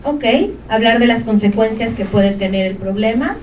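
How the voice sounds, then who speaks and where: Giving an informative talk before a live audience, a female presenter keeps pausing for brief check-in questions. She speaks at a normal speed in a somewhat high, slightly mellow voice; the distant recording in an echoey room carries faint ambience plus a bit of hiss or hum.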